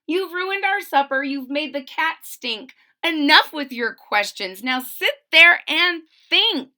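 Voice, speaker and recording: A woman's voice: high voice, expressive, a little slow, sharp tone, voice pushed up, exaggerated voice. A woman voicing frustrated, scolding parents in a children's storybook, with stern, emphatic commands. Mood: stern, fed up. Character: frustrated, scolding parents of a curious little girl.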